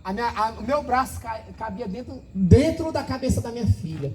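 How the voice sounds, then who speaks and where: A man's voice: very high voice, lively intonation, a little fast, rough recording. A man preaching an emotional testimony at a church service, with a fervent, repetitive way of telling it.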